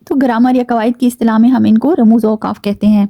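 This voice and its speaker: A woman teaching a grammar lesson, explaining patiently with occasional fillers and slowing down to stress key words. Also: on the high side, steady tone, no room sound, muffled recording. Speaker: Urdu teacher.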